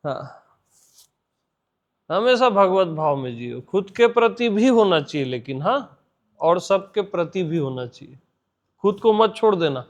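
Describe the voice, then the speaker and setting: A man giving a devotional satsang talk as spiritual teacher, guiding listeners and softly repeating chants. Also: high-pitched, sing-song, unhurried, pauses often, dull audio.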